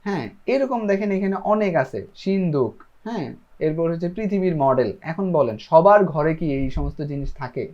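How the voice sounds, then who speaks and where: A man's voice: fairly high pitch, darkish tone, muffled recording. A man giving a casual, chatty lesson, often checking in with his listeners. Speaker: self-taught English learner sharing lessons.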